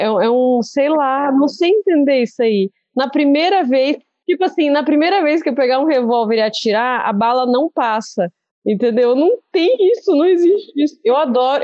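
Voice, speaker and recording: A woman hosting a casual interview, playful and quick to laugh. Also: high voice, a little mellow, no echo. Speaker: host. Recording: dull lo-fi dry sound.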